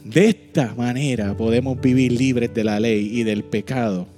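A man preaching a sermon, joking and animated at times, then slowing into solemn, deliberate points. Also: mid-range voice. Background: soft piano music.

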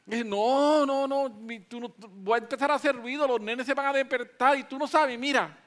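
A preacher acting out an irritated man woken at midnight by a friend, scolding him loudly. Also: very high voice, moderate pace. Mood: exasperated. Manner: exasperated, scolding.

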